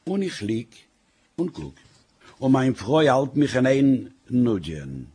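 Husky, animated comic storyteller man. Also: mid-range voice, takes it slowly. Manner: wry, deadpan "sag ich" asides, theatrical.

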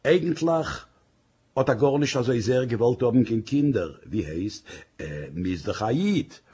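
Husky male storyteller. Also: medium pitch, lively intonation, a little slow, dark tone. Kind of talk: reading a story aloud.

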